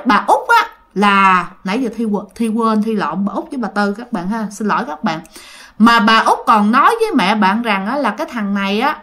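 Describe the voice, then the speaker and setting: A ghost story comes from a woman with a Southern Vietnamese accent, her tone forceful and bright, her pitch fairly high. She chats her way through it, turning to address the listeners directly.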